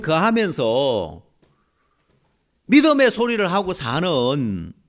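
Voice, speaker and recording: A man's voice: high voice, a bit bright. A man preaching a sermon, acting out the voices of biblical figures as he goes. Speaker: pastor.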